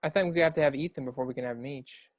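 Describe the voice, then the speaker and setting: A man's voice: mid-range voice, fast, no echo. A man co-hosting a casual chat over a video call, swearing offhandedly and laughing often. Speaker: podcast co-host.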